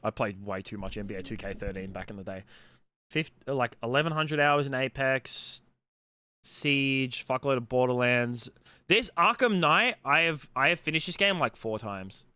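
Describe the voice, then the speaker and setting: Chatting casually on stream, a man in his late twenties fires back at viewer comments in a blunt, profane way, leaning on lots of fillers. His mid-range voice is bright, forceful and clean at a normal speed, with a mild Australian accent.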